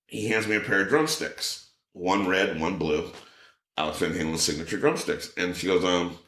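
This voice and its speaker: A middle-aged man, a podcast guest, tells a story in casual chat at a normal speed, animated and acting out quotes with a raised voice and higher pitch. The recording has a roomy echo and slight background noise.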